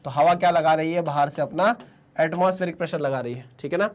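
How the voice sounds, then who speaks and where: Male physics tutor, slightly higher voice, hoarse today, Indian-accented English, call-and-response drilling. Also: fast. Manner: Hinglish call-and-response teaching, answers his own questions. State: sore throat. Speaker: physics teacher. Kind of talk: online exam-prep lecture.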